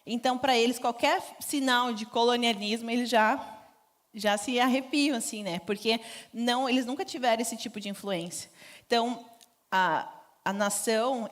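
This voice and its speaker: A woman giving a conversational church mission talk, informal and laughing often. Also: a little high. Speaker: missionary speaker. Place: church stage.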